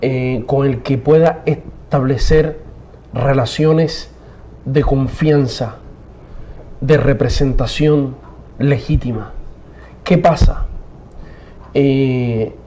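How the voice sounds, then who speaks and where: A man interviewed as a political commentator, speaking slowly and deliberately and pausing to find his words. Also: mid-range voice, steady tone, mellow, a little hiss or hum. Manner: slow, deliberate, searching for words.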